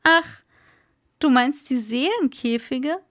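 A woman voicing a sly, jovial old male merman in a storybook reading, with high, loud, lively exclamations. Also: slow pace, heavily acted.

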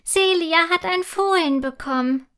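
A woman voicing an excited, eager little girl in a children's story. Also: extremely high pitch, measured pace, voice pushed up. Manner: eager, bubbly.

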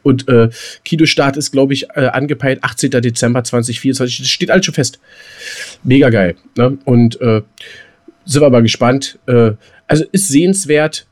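Casual film chat comes from a male podcast co-host who speaks at a normal speed in a mid-range voice. He uses slang freely and swears mildly now and then.

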